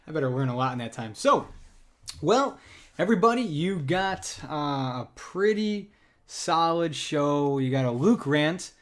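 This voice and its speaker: A young man co-hosting a podcast, chatting about politics in an excitable way and laughing often. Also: a little high, a little slow. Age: young adult. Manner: excitable, laughs often, leans on 'go ahead and'. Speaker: podcast co-host. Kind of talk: casual political chat.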